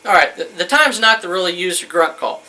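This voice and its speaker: Bright, higher-voiced man, folksy instructor. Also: lively intonation, fairly quick. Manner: folksy, colloquial, rambling. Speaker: hunting instructor. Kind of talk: informal instructional talk to camera. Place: wood-panelled room indoors.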